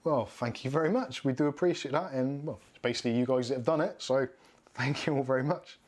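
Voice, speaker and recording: With a quick pace and a mid-range, darkish-toned voice, this live stream host answers viewer comments after reading them out in a chatty manner. He's a man in his thirties with a Bristolian accent from southwest England, hosting a casual Q&A in a home studio with shelves and neon signs.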